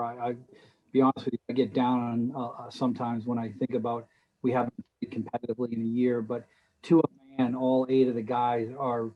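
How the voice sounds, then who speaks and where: A man coaching golf speaks over a video call with a weak connection. His talk is halting, full of stammered restarts. The audio comes through dull and lo-fi. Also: medium pitch. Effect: on a video call with a poor connection. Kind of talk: speaking in a virtual season preview. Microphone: computer on a video call.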